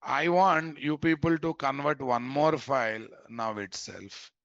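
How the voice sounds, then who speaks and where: A male programming instructor speaks English with a Telugu Indian accent at a slow, deliberate pace. His voice has a gravelly creak, and he often repeats instructions or turns them into questions for his students. The sound is close and dry, with little room around it. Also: medium pitch, fairly bright tone, no room sound, dull audio. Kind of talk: informal live coding lesson.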